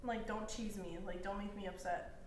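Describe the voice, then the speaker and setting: A woman's voice: mid-range voice, fairly even intonation, normal speed, husky. A woman from Toronto chatting casually as quizmaster, giving short explanations.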